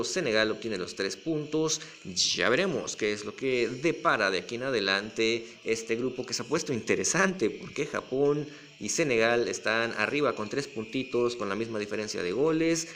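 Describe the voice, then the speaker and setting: Raspy-voiced male football commentator. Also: medium pitch, fairly bright tone, slight background noise. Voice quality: hoarse, raspy voice. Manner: colloquial, addresses fans as pals. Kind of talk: football match recap commentary.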